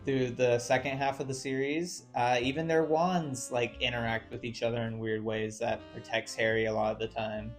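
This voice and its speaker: A young man giving casual video-essay commentary, chatty and conversational, with fillers and quick asides. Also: mid-range voice, little pitch movement. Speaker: YouTuber. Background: faint guitar music.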